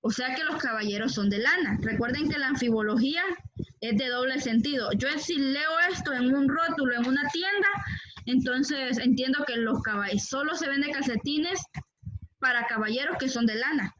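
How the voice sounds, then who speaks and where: A woman's voice: sits high, normal speed, a bit bright. A woman teacher giving a grammar lesson to her class, patiently repeating words and checking in with "¿verdad?". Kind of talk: online Spanish grammar lesson. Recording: dull lo-fi recording.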